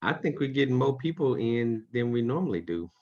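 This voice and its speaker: A man's voice: medium pitch, very animated, a little fast, darkish tone. A man co-hosting a casual live stream, teasing and wry in his remarks. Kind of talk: casual chat. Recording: slightly dull, lo-fi sound.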